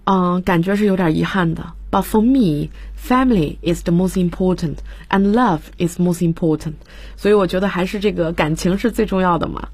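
A woman's voice: on the low side, moderate pace, a little mellow, slightly rough, no echo. A woman teaching English words on a radio lesson, explaining each word and spelling it out letter by letter. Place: radio studio.

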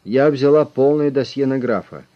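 Man putting on a brisk, urgent female investigator. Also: medium pitch, voice pushed up, close to an everyday voice. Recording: slightly muffled recording.

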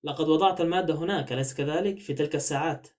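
A man voicing a calm, shrewd older detective in an audiobook, quietly assured. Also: fairly high pitch, rapid-fire, lightly acted. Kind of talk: audiobook character voice.

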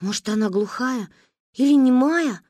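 A woman voicing a bold, excitable little girl with eager, high-pitched speech. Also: normal speed, no echo, studio quality. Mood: excited.

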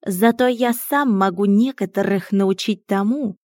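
A woman voicing a wise, sardonic old male talking cat who speaks in a slow, stern, mocking drawl. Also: mid-range voice, a little mellow, dry recording, clean studio sound, close to an everyday voice.

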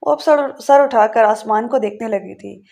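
A woman narrating a novel aloud in a calm, measured way, now and then correcting a word. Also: on the high side, gravelly. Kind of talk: audiobook reading of a novel.

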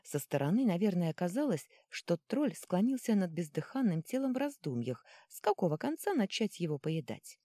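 A woman narrating a fantasy novel in a lively, expressive reading. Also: lowish voice, normal speed, few pauses, no echo, clean studio sound. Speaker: audiobook narrator.

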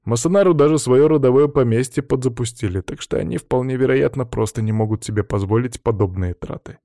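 A man narrating an audiobook in a measured, even way. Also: medium pitch, no echo, clean studio sound. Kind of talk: audiobook reading.

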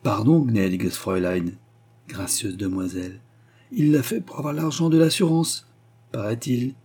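A woman's voice: rumbling low, moderate pace, mellow, breathy edge. A male narrator voicing an eager, self-important pastor's wife who relishes spreading bad news, in a storybook reading. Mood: eager gossip. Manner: eager, self-satisfied gossip.

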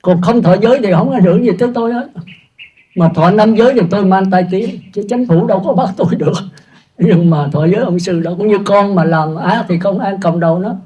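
An older Buddhist monk teaches in a loose, chatty way, poking fun at himself. His voice sits high and sounds husky and mellow. The recording is dull and lo-fi. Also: a little fast. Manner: chatty, self-mocking, laughs at his own jokes. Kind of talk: casual dharma talk.

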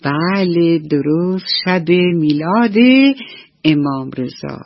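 A woman storyteller narrating a children's bedtime story on the radio in an expressive, storytelling manner. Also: fairly low pitch, breathy edge, dry recording. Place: radio studio. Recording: dull dry old radio recording.

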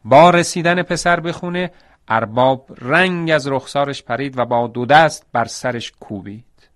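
A man's voice: medium pitch, fairly bright tone, no echo, clean studio sound. A man narrating a folk tale for an audio story, dramatic and addressing his listeners directly.

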